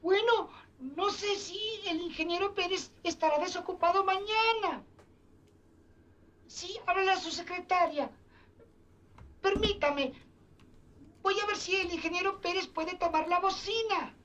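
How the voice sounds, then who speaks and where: A man's voice: very high-pitched, measured pace, pauses often, a bit bright. A man in his fifties doing a woman's voice as a polite phone secretary in a comedy film. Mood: polite, businesslike. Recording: distant, dull old film soundtrack.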